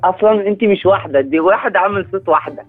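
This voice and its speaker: Egyptian man from Alexandria on a tinny phone line, fast, slightly high, doubtful of the caller. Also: faint music behind. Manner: skeptical, laughs off the caller. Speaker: prank call target, folk singer. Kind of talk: phone conversation.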